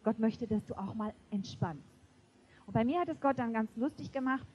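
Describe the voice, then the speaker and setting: A woman preaching a sermon to a congregation, emphatic and lively, often laughing. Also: a little high, normal speed, lo-fi sound, slight background noise. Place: church before a congregation.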